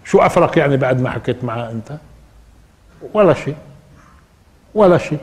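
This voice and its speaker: A man's voice: medium pitch, expressive, fast talker, big-room sound. An older man with a Levantine Arabic accent teaching a spoken Quran interpretation lesson, asking rhetorical questions and repeating key phrases for emphasis. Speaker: Islamic preacher and teacher.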